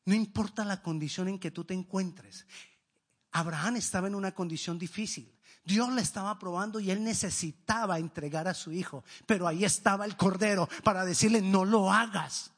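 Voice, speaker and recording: A man delivers a sermon, reading the scriptures aloud and then stopping to ask questions that he answers himself. His voice sits high and comes across husky and breathy. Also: a little fast, fairly bright tone. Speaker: preacher.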